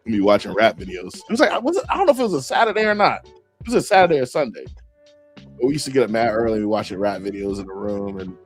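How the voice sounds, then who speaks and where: Speaking fast in a fairly low voice, a man hosts a podcast with faint music in the background. He keeps the talk casual, spinning animated, slangy stories and laughing a lot.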